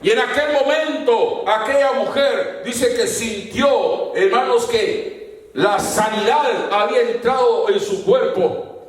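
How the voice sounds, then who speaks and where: Man, preacher, fervent sermon, very high pitch, booming echo, distant mic. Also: takes it slowly. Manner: fervent, rising to shouts. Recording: very echoey room, mic far off.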